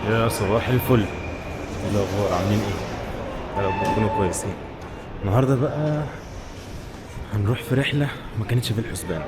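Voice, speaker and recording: Speaking in a lowish voice at a quick pace, this man pauses often as he addresses his viewers directly. He has an Egyptian Arabic accent and is vlogging informally while traveling through town streets outdoors, with traffic and street sounds clearly audible.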